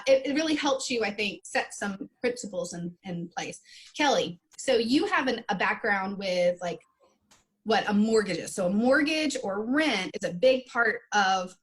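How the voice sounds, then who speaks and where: A woman hosting conversationally for children, explaining things and often checking in with tag questions. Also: mid-range voice. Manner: explanatory, checks in with repeated "right?". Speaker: host of children's budgeting session. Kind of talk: conversational presenting to kids.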